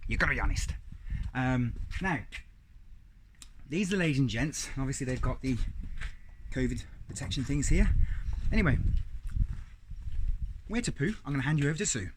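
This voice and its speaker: A man's voice: medium pitch, lively intonation, moderate pace, long pauses. A man with an English accent, chatting and joking as he walks viewers around a campsite, recorded outdoors on a handheld camera. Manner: chatty, jokey guide. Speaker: campsite reviewer. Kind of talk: walking tour vlog. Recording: loud outdoor noise.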